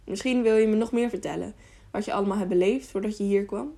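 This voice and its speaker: An eager, curious young boy, as a woman reader puts him on, chatty and a little higher than the narration. The voice stays dark and mellow with a slight rasp underneath. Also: fast talker, close to an everyday voice. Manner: lively, eager, sometimes whispering excitedly.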